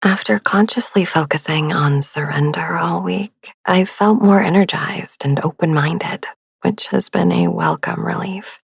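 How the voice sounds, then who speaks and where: A woman hosting a sleep meditation podcast, talking in a soft, slow, soothing whisper. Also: fairly low pitch, creaky, husky, dry recording. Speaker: podcast host.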